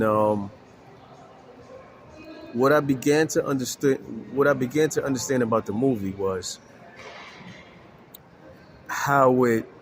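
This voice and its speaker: A man in his forties, congested from allergies, talking slowly to viewers about faith and films with many pauses, fillers and "right?". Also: on the low side, a little hiss or hum. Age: 40s. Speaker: faith vlogger. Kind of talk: casual spiritual talk to viewers.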